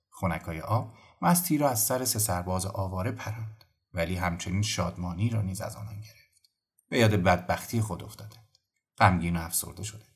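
A man calmly narrating a bedtime audiobook story. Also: low voice, gravelly. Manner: calm, measured narration. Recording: faint music behind.

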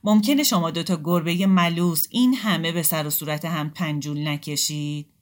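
Woman playing a gentle, reasoning intellectual man. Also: low-pitched, lightly acted. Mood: soothing. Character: soothing, intellectual man, peacemaker. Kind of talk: audiobook story reading.

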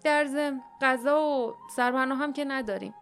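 A woman voicing a blunt, grumbling grown man in an audiobook, gruff and complaining. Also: high voice, fairly bright tone, soft background music.

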